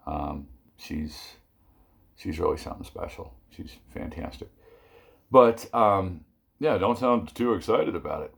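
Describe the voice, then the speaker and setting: A man's voice: a bass voice, creaky, husky. An older man telling a rambling personal story in a casual vlog, with many fillers and asides.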